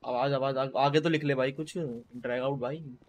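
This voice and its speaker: Subdued Hindi-accented streamer chatting. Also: male voice, fairly even intonation, moderate pace. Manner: greets chat viewers by name, chatty; speaking low and subdued. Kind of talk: casual stream chat.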